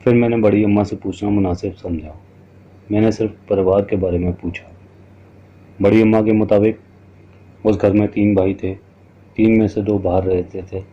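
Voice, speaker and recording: A man's voice: lowish voice, steady tone, moderate pace, pauses often. A man giving a dramatic, scripted first-person horror narration. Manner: dramatic, storytelling. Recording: dull lo-fi recording.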